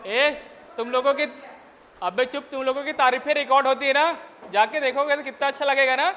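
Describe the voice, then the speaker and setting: High-pitched man scolding a classroom. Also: fairly quick, pushed and bright. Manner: scolds and teases students in crude slang. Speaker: physics teacher. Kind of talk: rowdy classroom teaching. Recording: lo-fi classroom recording in a reverberant room.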